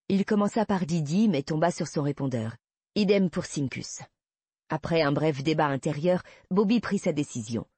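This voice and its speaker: A woman narrating a first-person novel, measured and soft at the ends of phrases. Her voice is slightly breathy and the recording is dry and close. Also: sits low, no echo. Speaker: audiobook narrator.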